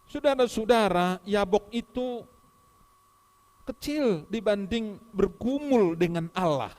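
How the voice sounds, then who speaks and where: High-voiced man preaching a sermon. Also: lively intonation, slow pace. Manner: emphatic, swings between soft asides and loud exhortation. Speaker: pastor.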